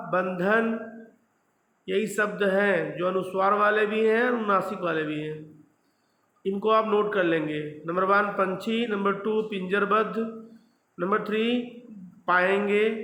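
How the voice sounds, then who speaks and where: A man's voice: high-pitched, pushed and bright. A male school teacher patiently explaining a language lesson step by step, often checking in with his students. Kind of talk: classroom lesson video. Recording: echoey room with faint background noise.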